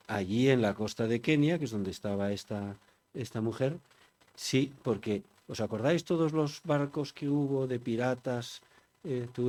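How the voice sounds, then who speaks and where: An older man from Spain talking to an audience. He is chatty and digressive and keeps turning to listeners with rhetorical questions. His voice is of middle pitch. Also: a little mellow. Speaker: conference speaker. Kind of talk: informal public talk.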